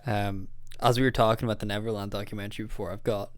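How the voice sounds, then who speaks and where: A man with a low, smooth, resonant voice, chatting casually as a podcast co-host. He tells a rambling story, full of ums and restarts. The sound is dry and close on the mic. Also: flat delivery, quick pace, dry recording. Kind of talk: casual chat.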